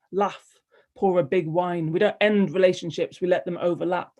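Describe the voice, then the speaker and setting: A woman poet reading her poems aloud in a measured, wry delivery, with hesitant, rambling asides between them. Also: fairly low pitch, a little mellow. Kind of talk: poetry reading with spoken asides.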